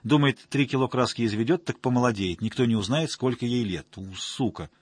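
A man's voice: mid-range voice, brisk, slightly rough, dry recording. A man narrating an audiobook in a wry, colloquial storytelling manner.

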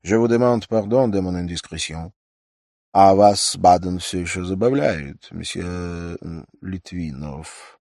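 A man's voice: deep voice, moderate pace, warm tone, dry recording, studio quality. A man reading an audiobook, voicing a haughty middle-aged general with condescending, affectedly polite speech.

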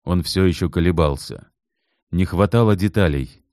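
A man reading an audiobook, lively and expressive. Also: deep voice, moderate pace, dry recording, studio quality. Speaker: audiobook narrator.

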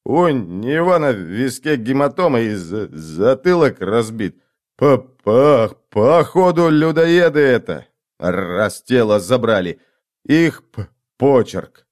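A man's voice: mid-range voice, sing-song, slow. A man doing a timid stuttering skinny youth. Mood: timid, stammering. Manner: heavy stutter, hesitant.

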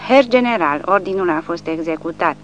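A woman's voice: lowish voice, animated, muffled recording, slight background noise, natural voice. A woman barking as an old soldier giving orders. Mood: commanding. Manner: loud clipped military commands. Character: older male soldier barking firing-squad orders.

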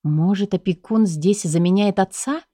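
Woman reading a first-person novel, warm low tone, dead dry recording. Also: normal speed, dry recording. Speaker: audiobook narrator. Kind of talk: first-person scripted narration.

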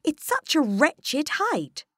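High, earnest little girl, played by a woman, lively lilt, dry close sound. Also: slow pace, dry recording, heavily acted. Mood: bewildered. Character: confused, polite young girl. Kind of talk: storybook reading.

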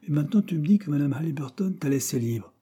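A man's voice: on the high side, lively intonation, fast, mellow, husky, voice pushed up. A man voicing a sulky, idle schoolboy who grumbles impatiently.

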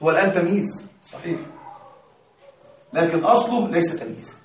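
A man with a fairly high voice leads a grammar lesson, putting questions to his students and spelling out each example slowly. He is recorded from some distance away, in a classroom with heavy echo. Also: lively intonation, darkish tone, a little hiss or hum. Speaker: Arabic grammar teacher. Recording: echoey classroom from far off.

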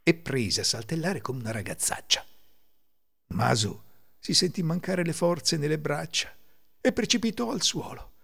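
An Italian man narrating a folk tale in a theatrical, expressive reading. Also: a little high, measured pace, creaky. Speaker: storyteller.

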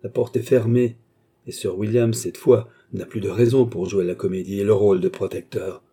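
A man's voice: fairly low pitch, fairly even intonation, moderate pace, warm tone, slightly rough. Man voicing a leering, gloating old villain. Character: lecherous mocking old man, deformed. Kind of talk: audiobook reading.

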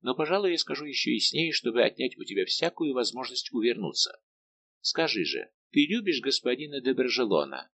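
A man reading the part of a lively young maid of honour who teases and presses her friend with brisk, insistent questions. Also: mid-range voice, no room sound. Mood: pressing.

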